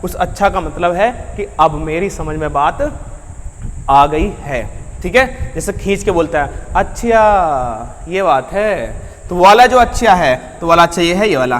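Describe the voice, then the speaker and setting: Male teacher with a high voice lecturing a class and quizzing students as he goes, in a room with a long echo. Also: fairly bright tone, slight background noise. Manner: asks students questions and answers them himself; addresses students as beta and bhaiya. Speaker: Hindi grammar teacher.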